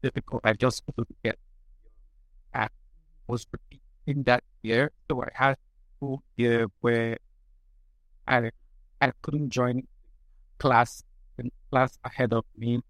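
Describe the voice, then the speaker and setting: A man, a podcast guest who speaks in a halting, thoughtful way with many restarts. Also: medium pitch, little pitch movement, fairly bright tone, no room sound, poor audio. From Nigeria. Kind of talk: casual interview.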